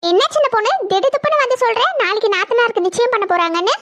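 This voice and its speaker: A chatty village auntie in a cartoon, fussy and excitable, repeating her words. The voice is extremely high and squeaky, like a sped-up cartoon voice. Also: rapid-fire, dry recording.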